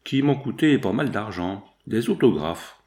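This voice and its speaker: A man playing a calm, mocking blackmailer. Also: on the low side, measured pace. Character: cunning, mocking male blackmailer, calm and smooth.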